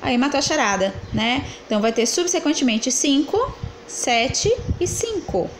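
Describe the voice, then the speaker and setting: A woman's voice: sits high, lively intonation, a little slow, background noise. A woman teacher correcting exercises in a lesson, asking the class questions and answering them herself as she counts syllables aloud.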